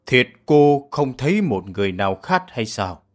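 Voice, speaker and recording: A man playing a stern colonial-era prosecutor who questions a suspect slowly and deliberately. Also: medium pitch, big pitch swings, natural voice. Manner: slow, deliberate, accusing.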